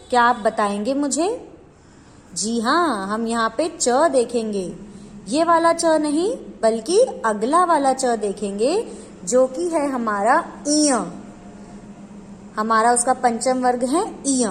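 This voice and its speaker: A woman with a high voice teaches at a slow, deliberate pace. She explains each step patiently and poses questions to her listeners before answering them. Her voice carries a long room reverb. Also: lively intonation, slight background noise. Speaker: Hindi teacher.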